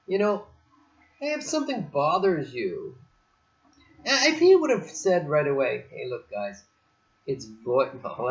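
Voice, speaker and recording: The beach host now sounds high-pitched with a fairly bright tone, still chatting casually and telling a digressive, rambling story full of restarts. The outdoor recording is dull and lo-fi.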